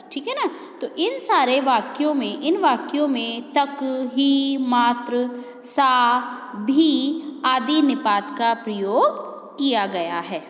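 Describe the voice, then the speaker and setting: High-voiced woman teaching grammar. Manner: explains step by step with repeated checks. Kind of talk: grammar lesson. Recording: echoey room with long reverb.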